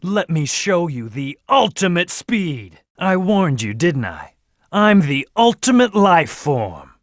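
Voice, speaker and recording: A man's voice: on the high side, fairly bright tone, dry recording, clean studio sound, exaggerated voice. A man voicing a brooding, arrogant hedgehog anti-hero in a video game, with a curt, self-assured manner. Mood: arrogant, menacing.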